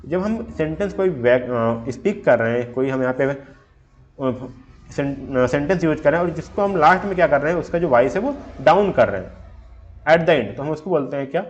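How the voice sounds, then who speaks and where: A man's voice: a little high, animated, normal speed, dull audio. A man giving an exam revision lecture. He reads English definitions off his slides, then explains them plainly and keeps asking rhetorical questions he answers himself. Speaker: teacher.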